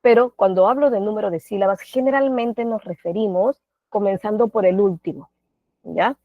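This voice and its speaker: With a medium-pitched voice at a normal speed, a Peruvian instructor leads an online lesson in Peruvian-accented Spanish. She asks the class questions often, adds tag questions, and keeps a patient tone. The recording is dry and sounds like it came through a phone.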